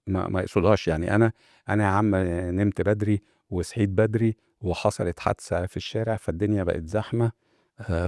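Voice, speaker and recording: A man's voice: fairly low pitch, darkish tone, no echo, studio quality. A man with an Egyptian accent hosting a casual self-help talk. He speaks to viewers directly, with many fillers and restarts. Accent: Egyptian Arabic. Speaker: host.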